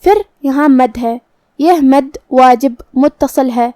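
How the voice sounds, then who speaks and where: High-voiced woman teaching tajweed slowly. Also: fairly even intonation, mellow, dry recording. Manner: methodical, step-by-step explanation of each letter's sound. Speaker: Quran recitation teacher. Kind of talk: tajweed lesson, explaining then reciting slowly.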